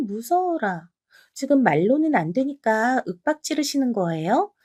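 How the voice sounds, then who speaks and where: A snide, condescending sister-in-law, voiced by a woman for a story drama. Her bright, high voice swoops up and down as she sneers and belittles. Every line drips with sarcasm. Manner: mocking, sarcastic, talks down. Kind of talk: audio drama acting.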